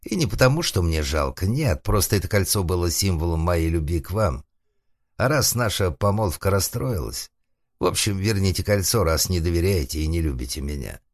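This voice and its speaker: A scheming, ardent storybook suitor played by a man in his own deep voice, solemn and quick to take offense. His tone stays low and heavy. The recording is dry and close. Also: animated, no echo. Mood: wounded indignation. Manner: earnest, mock-solemn, indignant. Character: cunning wooden-boy suitor, ardent and calculating.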